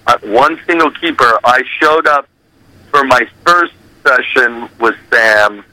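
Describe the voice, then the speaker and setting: A man's voice: medium pitch, takes it slowly, no room sound, low-quality recording. A man and recording artist telling a story in a casual interview, acting out what people said, scatting melodies and swearing freely. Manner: animated, acts out quotes and scats melodies.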